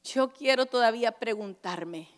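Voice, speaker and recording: Woman preacher, sermon, high voice, dramatic swings from loud to hushed, long church-hall reverb. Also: a little slow.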